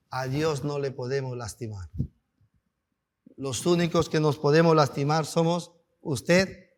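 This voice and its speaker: Pastor guy preaching, highish voice, lots of questions to the church, gets loud and fired up. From Peru. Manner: preaching with rising fervor, rhetorical questions to the congregation; builds to shouted, drawn-out climaxes. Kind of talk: sermon.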